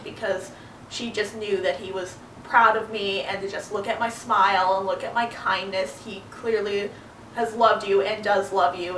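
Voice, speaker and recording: A young woman with a medium-pitched, slightly bright voice tells a personal story earnestly, halting often and using fillers as she searches for words. She is far from the mic in an echoing room, with a little hiss or hum in the recording.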